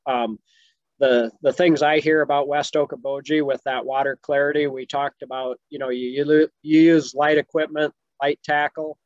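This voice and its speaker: A fisheries expert in his fifties with a Midwestern American accent answers fishing questions in a webinar Q&A from his home office, easygoing and full of ums. His voice is a little high with little pitch movement and a moderate pace; the webcam audio is muffled but has no echo.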